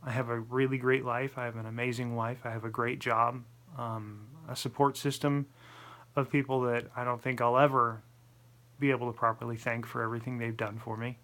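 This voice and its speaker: A man's voice: mid-range voice, flat delivery, a little fast, fairly bright tone. A man with a lisp talking casually to the camera in a personal vlog, apologetic and self-deprecating. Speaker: vlogger.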